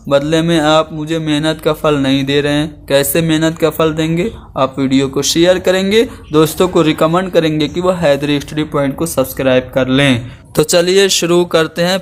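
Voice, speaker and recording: Male exam-prep tutor, higher voice, patient step-by-step explainer who restates terms plainly. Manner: explains each Urdu term again in plain Hindi and English; slows down to demonstrate example sentences. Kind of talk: lesson explaining exam questions.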